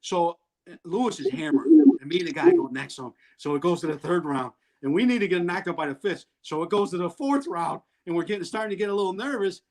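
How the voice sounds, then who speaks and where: A man telling wild stories in an animated way, loudly acting out what people said and laughing often. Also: high voice, quick pace. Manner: excitable, acts out quotes loudly, laughs often. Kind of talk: animated storytelling.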